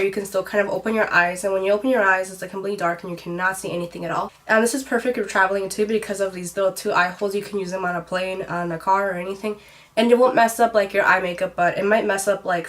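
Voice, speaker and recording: A young woman with a stuffy, nasal voice from a cold, chatting casually through a favorites vlog, with plenty of rambling "like"s. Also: mid-range voice. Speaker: beauty vlogger.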